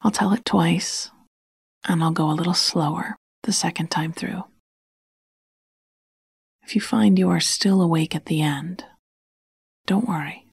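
A woman hosting a sleep podcast, telling a bedtime story in a soft, breathy half-whisper with a slow, soothing manner. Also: fairly low pitch, no echo, clean studio sound.

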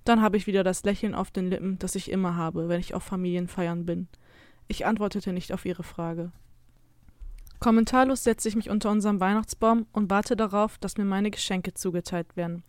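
A woman narrating a scripted first-person Christmas story in an even, measured way. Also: mid-range voice, no echo, studio quality.

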